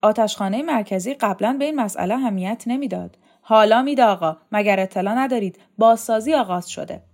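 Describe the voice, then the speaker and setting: A woman's voice: medium pitch, darkish tone, voice pushed up, lightly acted. A woman voicing a fawning, overly formal male dormitory head in an audiobook reading.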